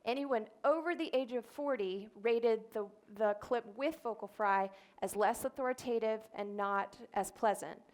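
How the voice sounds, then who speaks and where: A woman's voice: on the high side, moderate pace, hardly any pauses. A woman, a speech therapist, giving an explanatory talk on stage and demonstrating voice sounds. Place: event stage before an audience.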